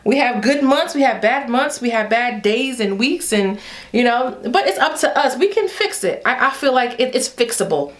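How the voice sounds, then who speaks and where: A young adult Haitian woman with a Haitian accent vlogs about hair, talking playfully and directly to her viewers, calling them y'all. Her voice is a little high and animated, at a normal speed.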